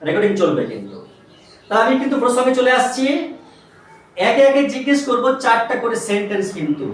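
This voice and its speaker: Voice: mid-range voice, big pitch swings, quick pace. A patient tuition teacher leads a grammar lesson, spelling words out letter by letter and firing questions at the pupils. The voice rises and falls a great deal. It is recorded from across a small, very echoey classroom. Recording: echoey room, mic far off.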